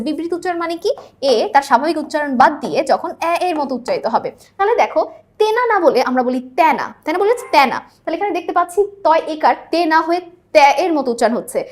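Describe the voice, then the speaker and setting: High, fast-talking woman teacher. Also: a little mellow. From Bangladesh. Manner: explains step by step, asks questions and answers them herself, keeps checking in. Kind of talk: exam-prep lesson, solving multiple-choice questions.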